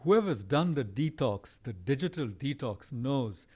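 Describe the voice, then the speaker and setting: Mellow-voiced man musing at length. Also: mid-range voice, very animated, a little slow, husky. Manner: discursive, thoughtful, pushes back gently. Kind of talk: reflective conversation.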